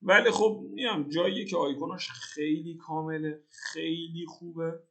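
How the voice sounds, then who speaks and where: A man's voice: a little high, steady tone, gravelly, bright, forceful tone. Joking young man talking through code. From Iran. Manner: joking, slangy, thinks aloud. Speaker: programming tutor. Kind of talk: casual screen-recorded coding tutorial.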